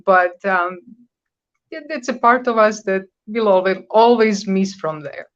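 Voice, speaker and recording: Guesting on a radio interview, a native Croatian speaker born in Croatia and now in her fifties replies in a conversational way, frequently hesitating as she looks for words. Her voice is mid-range and unhurried, and the recording sounds muffled.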